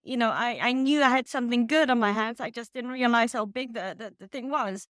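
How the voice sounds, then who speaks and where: A woman's voice: on the high side, a bit bright, smooth, no echo, clean studio sound. A woman in her thirties from Poland, a native Polish speaker, answering interview questions with frequent restarts. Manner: halting, many restarts. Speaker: author guest. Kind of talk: casual interview.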